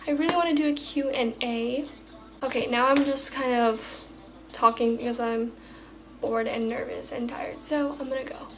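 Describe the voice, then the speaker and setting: A young woman vlogger casually retelling a story in a chatty, animated way with lots of fillers. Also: sits high, rough recording.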